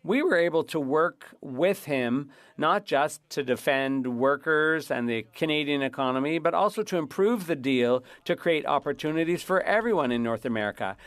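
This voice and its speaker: A man interpreting formal parliamentary debate live, in somewhat halting phrases. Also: on the high side, expressive, fairly bright tone, dry recording.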